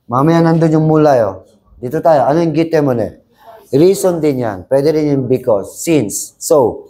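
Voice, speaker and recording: A man's voice: a little high, a little slow, warm tone. A man teaching a Korean exam review class, mixing Tagalog and English and having the class repeat lines together. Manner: drills class in chorus, switches between Tagalog, English and Korean. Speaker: language teacher.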